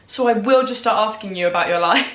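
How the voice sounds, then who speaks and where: A young woman in her early twenties talks casually in a bright, mid-pitched voice. She rambles in a self-deprecating way and repeats herself for emphasis. The room around her is noticeably echoey. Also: fast talker. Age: early 20s. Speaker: vlogger answering viewer questions. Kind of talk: casual chatty mukbang Q&A.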